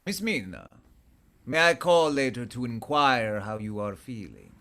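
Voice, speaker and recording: An actor playing a suave, courtly Transylvanian vampire count in a radio play, speaking with formal, ornate politeness. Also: male voice, mid-range voice, lively intonation, a little slow, pushed and bright. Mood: smooth courtesy. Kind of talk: theatrical radio play acting.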